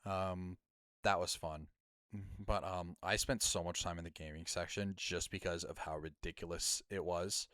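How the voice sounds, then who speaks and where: A man with a Midwestern American accent chats casually on a stream, reading out viewer comments. His voice is smooth and clean. The sound is dry and close, with no room around it. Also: low-pitched, steady tone, no echo. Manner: talks fast, trails off quietly, reads out comments. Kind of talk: casual chat.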